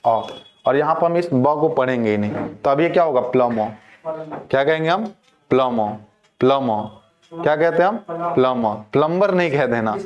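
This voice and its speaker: Man teaching pronunciation in a muffled recording. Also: a little high. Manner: repeats questions to the class and answers them himself. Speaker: English teacher. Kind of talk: classroom lecture.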